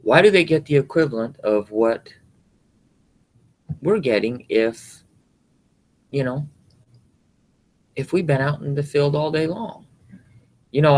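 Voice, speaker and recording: A middle-aged man, co-hosting a casual chat with his wife, talking in a rambling, halting way with many fillers. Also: medium pitch. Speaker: podcast co-host, husband. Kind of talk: casual chat about scripture and work.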